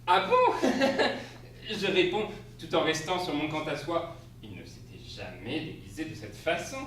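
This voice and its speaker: Playing a flustered spouse, a male stage actor exclaims and laughs his way through an absurd tale in a comic theatrical monologue, sounding flustered yet amused. He speaks at a moderate pace in a fairly high, sing-song voice that's a bit bright. The echoey stage is caught by a distant mic with faint hiss.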